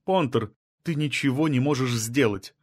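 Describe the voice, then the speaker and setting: A man's voice: mid-range voice, moderate pace, dry recording, clean studio sound, voice pushed up, close to an everyday voice. A male reader voicing an anxious, insistent woman scientist who keeps pressing with questions. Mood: pleading.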